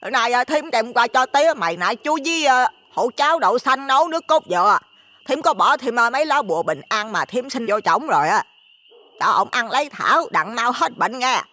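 A man voicing a nosy, superstitious old village woman with a Southern Vietnamese accent, loud and chattering. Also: extremely high pitch, lively intonation, a little fast, no echo, pitched above the performer's own voice, exaggerated voice. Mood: chatty.

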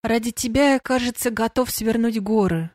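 A woman's voice: on the high side, normal speed, darkish tone, no echo, studio quality, lightly acted. A woman reading the part of a confident, affectionate young male werewolf in an audiobook, speaking eagerly and with emphasis. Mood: earnest. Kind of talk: audiobook character voice.

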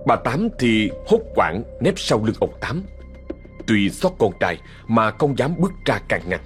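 A man narrating a ghost story in a measured, dramatic storytelling way. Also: lowish voice, very animated, soft background music.

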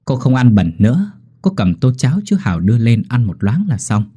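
A man narrating a scripted story in an animated, expressive way. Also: medium pitch, a little fast, husky.

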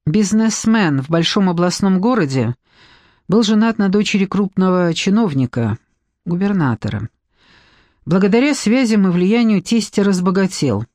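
A woman's voice: mid-range voice, lively intonation, normal speed, darkish tone, dry recording, studio quality, natural voice. A woman reading an audiobook, voicing a defiant young former nanny who speaks with scorn. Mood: confiding.

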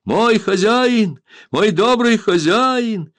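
A man's voice: sits high, lively intonation, drawn-out words, fairly bright tone, voice pushed up, heavily acted. A man voicing a loyal male Indian servant in a storybook reading, pleading and fervent in a raised voice. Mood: overjoyed.

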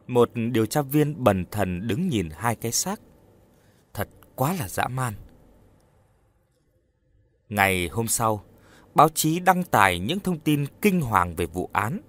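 A man narrating a scripted horror story in a measured, dramatic way. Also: mid-range voice.

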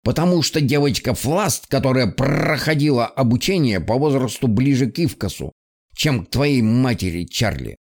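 A man voicing a grumpy male talking raven in an audiobook, slow and insistent. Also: medium pitch, animated.

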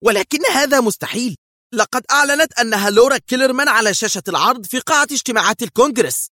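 A man voicing a furious, sharp-tongued female national security adviser in an audiobook. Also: very high voice, very fast, no echo, studio quality, voice pushed up. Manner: sharp, angry. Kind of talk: audiobook character voice.

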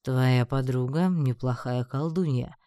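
An actor playing a scheming emperor who speaks slowly, mocking and menacing. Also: male voice, medium pitch, dark tone, dry recording, clean studio sound, close to an everyday voice. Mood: cold mocking. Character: cold, scheming male emperor, middle-aged. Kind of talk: audiobook character voice.

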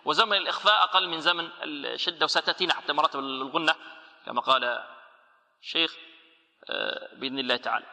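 Bright-voiced man teaching Quran recitation. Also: on the high side, vocal fry, long reverb tail. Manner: explains by asking rhetorical questions, then answering; slows to a chanted recitation for verse examples. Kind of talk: tajweed lesson with recited examples.

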